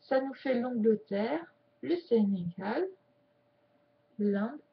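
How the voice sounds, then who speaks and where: A woman with a fairly high voice chats casually to her viewers, joking as she goes. She slows her words at times while she signs. The recording sounds dull and lo-fi. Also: lively intonation, gravelly. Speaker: YouTuber teaching sign language. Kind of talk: casual chat to camera.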